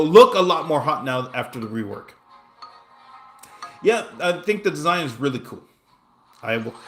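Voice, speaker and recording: A man's voice: on the high side, a bit bright. A young man chatting casually over his gameplay, rambling and self-deprecating while telling a story. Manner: rambling, self-deprecating, frequent fillers and restarts. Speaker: gaming streamer.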